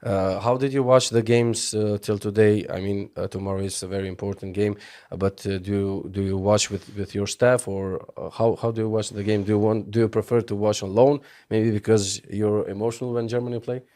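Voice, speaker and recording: Low-voiced male radio interviewer. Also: level tone, a little fast, hardly any pauses, mellow. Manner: asks questions with many hesitations. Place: radio studio.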